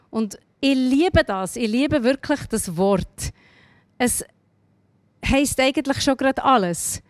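A woman's voice: on the high side, no room sound. A woman with a Swiss German accent giving an earnest sermon-style talk at a church meeting, telling stories and asking her listeners direct questions. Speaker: speaker at a women's evening meeting.

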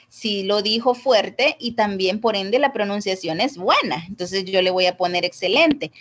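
Over a video call picked up by her computer microphone, a woman teaches English online in a relaxed way, going over the grading. Her voice sits at a medium pitch with a slightly bright quality, and she chats freely, filling gaps with fillers while checking on her students.

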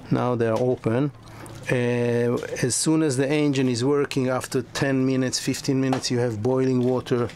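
Slow-talking man touring a sailboat. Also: mid-range voice, a little mellow. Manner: halting, many fillers and restarts. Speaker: yacht broker. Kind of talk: walkthrough tour. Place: inside a sailboat cabin. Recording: noisy ambience.

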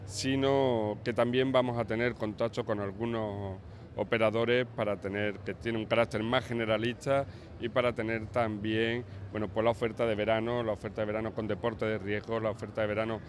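A man's voice: lowish voice, level tone, normal speed, a little hiss or hum. A middle-aged man, a tourism official, giving a hesitant press interview with many fillers into handheld mics at a busy indoor trade fair. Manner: hesitant, restarts often, fillers like "bueno, pues". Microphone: handheld press mics held close.

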